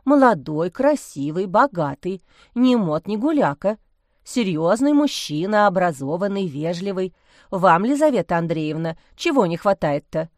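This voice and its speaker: A woman voicing a shrewd, motherly priest's wife who talks in a brisk, folksy, persuasive way. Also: lowish voice, very animated, darkish tone, dry recording, clean studio sound. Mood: coaxing.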